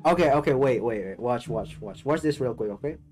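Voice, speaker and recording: A man's voice: medium pitch, expressive, fairly quick, a little mellow, faint music behind. A young man talking casually on a video chat, laid-back and repeating himself often. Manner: laid-back, repeats "you know what I'm saying". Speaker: online video prankster.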